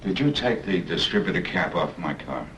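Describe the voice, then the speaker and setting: A middle-aged actor playing a firm, lecturing husband who turns fretful when pressed, in hissy 1970s TV film audio. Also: male voice, sits low, lively intonation, moderate pace, fairly bright tone, low-quality recording. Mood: stern. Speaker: homeowner and husband.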